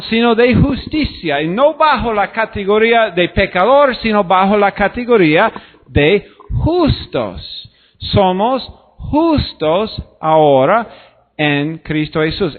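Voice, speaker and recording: A man preaching a sermon slowly and deliberately, repeating phrases and acting out short dialogues. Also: high voice. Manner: slow, deliberate preaching with repetitions and quoted dialogue. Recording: tinny phone-like sound with long hall reverb.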